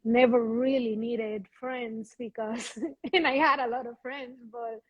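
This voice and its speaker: A woman with a fairly high voice talks about her work in a relaxed interview. She speaks haltingly and often restarts her sentences. The audio comes through a video call and sounds dull and lo-fi. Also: breathy edge. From Venezuela. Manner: halting, many restarts, light laughs. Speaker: guest photographer. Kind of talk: casual interview chat.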